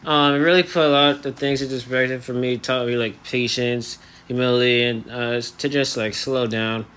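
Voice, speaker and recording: A man's voice: medium pitch, fairly even intonation, moderate pace, fairly bright tone, clean tone. Young man with slightly restricted articulation. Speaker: vlogger. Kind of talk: personal vlog monologue to camera.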